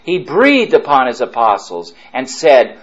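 Male priest, retreat sermon, lively swooping pitch, dull muffled recording. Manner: fervent, emphatic preaching with slow drawn-out phrases.

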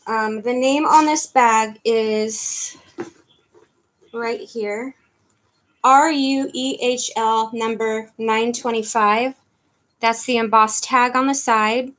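A woman in her fifties takes it slowly, her fairly high, fairly bright voice staying fairly even in intonation. She hosts a live online handbag auction indoors from her living room, speaking to a webcam in front of her as she calls bids and thanks viewers by name.

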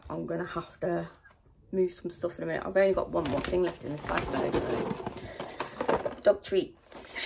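At home, a young British vlogger rambles through a grocery haul, chatty and full of ums and likes. Her voice is low and gravelly, a little rough from a dry throat, and the background is noisy.

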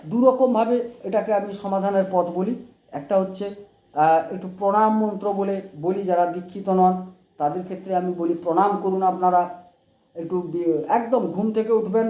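A man, an astrologer, talking to viewers about horoscope remedies, explaining plainly and chanting mantras slowly and carefully. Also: sits high, mellow, reverberant. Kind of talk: horoscope advice talk to viewers.

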